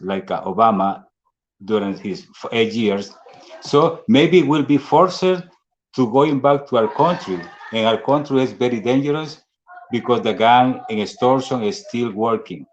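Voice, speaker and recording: Salvadoran man, earnest halting English. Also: mid-range voice. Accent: Salvadoran Spanish. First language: Spanish. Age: 40s. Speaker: speaker at a fundraising dinner. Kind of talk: prepared personal speech. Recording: dull lo-fi audio.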